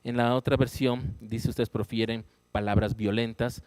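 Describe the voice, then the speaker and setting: A man teaching a Bible study in a church, animated and conversational, often checking in with his listeners. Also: medium pitch, moderate pace, no echo. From Ecuador. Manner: animated, rising emphatic exclamations; conversational, frequent "¿sí?" check-ins. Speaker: pastor.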